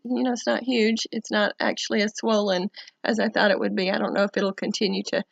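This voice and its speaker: A woman giving a casual first-person update to camera in a hesitant, halting way with many pauses. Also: medium pitch, flat delivery, gravelly, dry recording, highs cut off. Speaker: vlogger documenting recovery from eyelid surgery.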